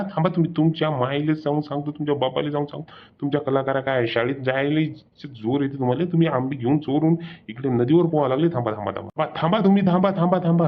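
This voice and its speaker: A man's voice: medium pitch, natural voice. A man voicing an angry, foul-mouthed middle-aged mango orchard owner, scolding and threatening. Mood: furious. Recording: dull lo-fi recording.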